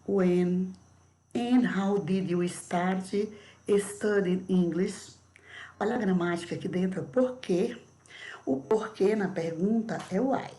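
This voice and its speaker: Slow, mellow-voiced Brazilian woman teacher. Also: mid-range voice. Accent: Brazilian Portuguese. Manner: explains patiently, repeats words slowly, says "tá?" and "ó" often. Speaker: English teacher. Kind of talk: remote video lesson with slides.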